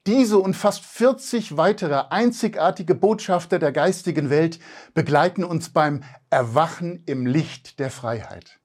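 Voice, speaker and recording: A man with a soft, gentle, inviting delivery, reading a scripted promotional voice-over for an online event. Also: fairly high pitch.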